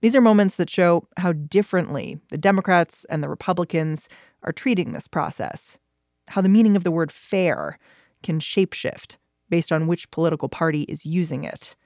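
A woman's voice: fairly low pitch, darkish tone, no echo, studio quality. A woman hosting a podcast, moving between narration and conversation. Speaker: podcast host.

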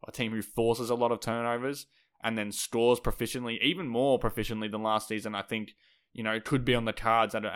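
A sports podcast host gives solo basketball analysis, thinking aloud in a conversational way. His voice is lowish and slightly croaky, though fairly bright in tone.

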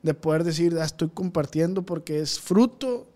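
A man's voice: a little high, normal speed, warm tone. A man with a Sinaloan Mexican accent hosting a podcast in casual, slangy, informal street talk. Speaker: podcast host. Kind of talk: casual chat.

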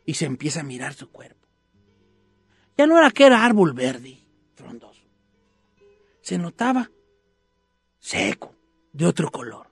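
A radio host telling a dramatic story in an expressive voice. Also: medium pitch, measured pace, long pauses, husky, no echo, soft background music.

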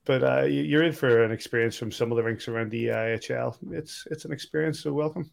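A man's voice: medium pitch, quick pace, gravelly. A man hosting a sports podcast in a jovial, bantering way. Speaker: podcast host. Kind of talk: casual sports chat.

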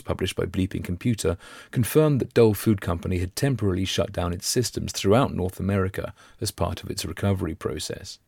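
Guy with a croaky husky flu voice, low, reading podcast news formally, really dry sound. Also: a little mellow, no echo. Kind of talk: scripted news narration.

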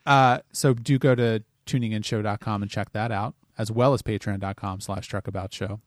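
A man's voice: lowish voice, fairly even intonation, moderate pace, no room sound, studio quality. A man co-hosting a casual podcast, chatting plainly and reading out listener reviews. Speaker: podcast co-host.

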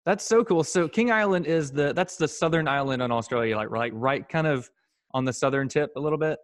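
Male podcast host from the United States, upbeat and eager, smooth resonant tone, close dry mic. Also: on the high side, brisk, no room sound. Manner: upbeat, enthusiastic. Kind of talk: podcast interview.

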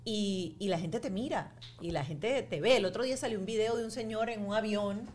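A woman hosting a podcast interview, telling anecdotes in an animated way and laughing often. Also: mid-range voice, fairly quick. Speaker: podcast host. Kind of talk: casual interview chat.

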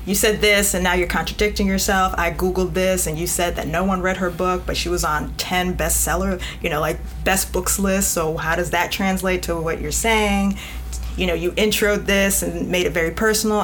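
Frank and emphatic, this woman is a magazine editor guesting on a podcast panel, cracking jokes and acting out examples as she explains. Her voice runs on the low side and a bit bright, with a little hiss or hum in the recording.

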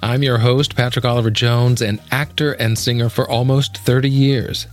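A middle-aged man who is an actor, singer and podcast host presents in a polished, articulate style, shifting between scripted narration and interview. His mid-range voice holds a level tone at normal speed, with faint music behind.

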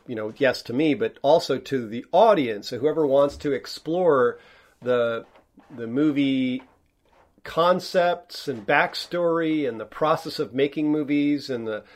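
A man with a somewhat raised pitch talks alone on his own podcast. He rambles in a candid, reflective way, stopping and restarting his sentences and filling gaps with "um" and "you know.". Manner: halting, with many repeated restarts and fillers; candid and self-reflective, sometimes swearing. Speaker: podcast host and filmmaker. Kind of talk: rambling solo podcast monologue.

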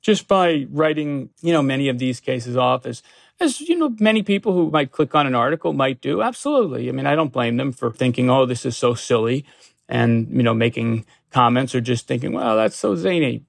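A man, a lawyer, answering interview questions in a measured, hesitant way with many fillers and restarts. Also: mid-range voice, lively intonation, creaky, dry recording. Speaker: consumer protection lawyer.

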